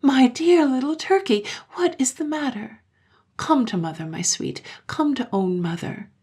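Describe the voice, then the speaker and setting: A gentle mother speaks softly and sorrowfully to her children. A woman voices her with a low, husky tone and a touch of gravel. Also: normal speed. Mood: tender. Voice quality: soft, tender.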